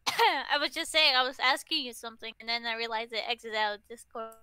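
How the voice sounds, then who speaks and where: A woman's voice: fairly high pitch, a little fast, bright, forceful tone, smooth, no echo. A woman co-hosting an art live stream, chatting casually and telling funny stories.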